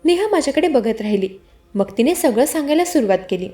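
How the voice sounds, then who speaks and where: A woman narrating a story in the first person with an expressive, emotional delivery. Her voice is high and her pitch rises and falls a lot. Faint music plays behind her. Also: quick pace.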